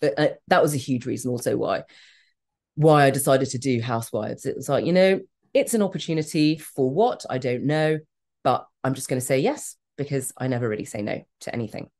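This middle-aged woman's voice is rumbling low and a little mellow. Originally from Australia but carrying a British accent, she's an interview guest who talks frankly and emphatically, laughing quickly in a candid conversation.

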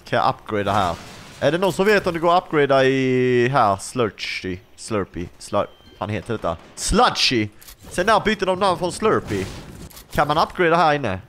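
A man's voice: mid-range voice, big pitch swings, a bit bright, slight background noise. A young man giving casual gameplay commentary as a YouTuber, chatty and playful, often asking his viewers questions. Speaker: gaming YouTuber.

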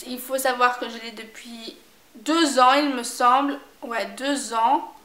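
A woman chatting casually about makeup she has used up, repeating herself and filling pauses often. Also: on the high side, fairly even intonation, bright, forceful tone, roomy sound. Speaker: beauty vlogger. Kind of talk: casual product review chat.

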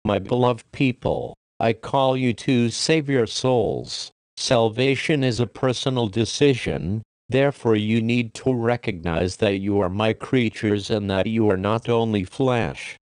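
A man giving a solemn, measured scripted reading of a religious message, slowing down for the scripture references. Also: on the low side, a little mellow, clear, resonant tone, no echo, clean studio sound. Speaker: reader of a religious prophecy message.

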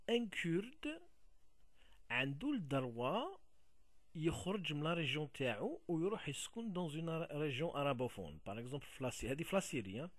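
A man from Algeria with an Algerian Arabic accent, explaining things casually in a halting way, often repeating words and switching into French. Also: mid-range voice, no echo.

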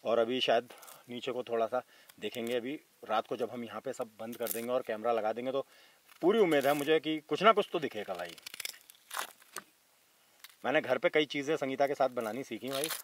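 A man's voice: medium pitch, moderate pace, a little hiss or hum. Chatty man camping outdoors at night. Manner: chatty, keeps calling viewers brother. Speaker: vlogger. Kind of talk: casual solo camping vlog. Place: outdoors at night beside a tractor caravan on a hilltop.

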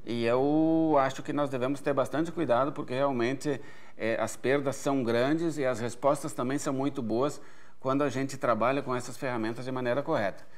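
A man with a mid-range voice, fairly even intonation and normal speed gives expert Q&A answers to viewers. He's a Brazilian agronomy researcher in his forties, recorded at an event stage, explaining carefully with many hesitation fillers.

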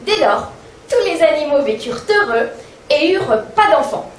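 High-voiced woman telling a rhyming comic tale. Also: expressive, moderate pace, slight background noise. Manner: sing-song, mock-innocent. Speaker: comedian. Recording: echoey stage sound from far off.

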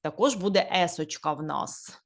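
A woman with a Ukrainian accent teaching an English lesson, reading English examples slowly and then explaining them in Ukrainian. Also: lowish voice.

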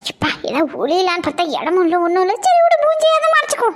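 A woman's voice: very high voice, big pitch swings, fast. A woman playing a stingy, sneaky middle-aged village woman who mutters and grumbles to herself, in a comic skit. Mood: grumbling.

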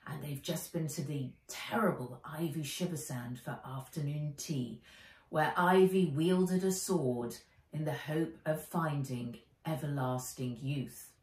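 With a low, darkish voice and a measured pace, a middle-aged British author reads her storybook to children. The setting is a bright indoor room by garden windows, and the sound is roomy, picked up a little distant from the mic.

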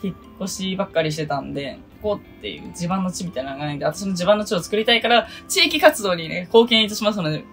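A young woman in her twenties from Okinawa, chatting casually through a list of goals in a solo vlog, with a low voice and self-deprecating asides. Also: fast, few pauses, faint music behind. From Okinawa, Japan. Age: 20s. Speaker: idol producer and vlogger.

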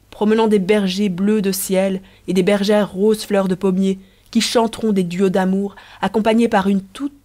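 A woman voicing a playful, scheming young empress who speaks in a lively, persuasive, teasing way. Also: medium pitch, close to an everyday voice.

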